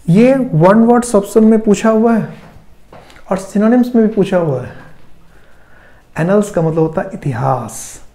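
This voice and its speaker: A young Indian man gives a classroom grammar lecture, his voice high-pitched yet mellow and soft-edged. He keeps asking questions and then answering them himself, walking through each rule one step at a time. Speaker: English grammar teacher.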